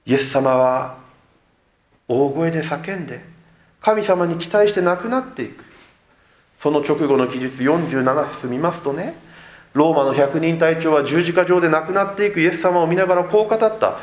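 A man preaching a sermon as a pastor, swinging between loud emphatic lines and soft low asides. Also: moderate pace, roomy sound.

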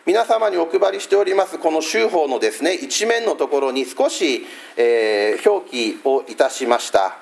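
A man's voice: fairly high pitch, lively intonation, normal speed, gravelly, few pauses. A male pastor giving a church sermon, explaining patiently with frequent hesitant fillers.

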